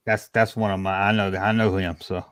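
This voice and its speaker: A middle-aged toy collector from Georgia, speaking with a Southern US accent, chats casually as a livestream guest and answers viewer questions. His folksy, colloquial talk comes in a deep, smooth, fairly quick voice with little pitch movement, on a dry recording.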